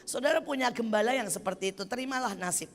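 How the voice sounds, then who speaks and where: A woman's voice: a little high, fast, long reverb tail. An older woman preaching a sermon as pastor, blunt and emphatic, acting out the people she quotes.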